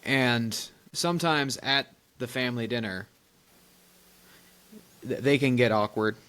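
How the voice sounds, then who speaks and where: Young male podcast co-host, mid-pitched, lively storyteller who laughs a lot. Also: unhurried, clean tone. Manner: animated storyteller, laughs often, rambling restarts. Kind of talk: casual chat, storytelling.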